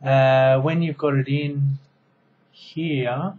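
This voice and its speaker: Heard through phone-quality sound, a medium-pitched man talks very slowly in a steady tone. He's an Australian reviewer in his thirties doing a casual show-and-tell of a gadget in a small room at home, rambling with many ums and restarts while his hands are occupied. He's recorded on a webcam mic up close.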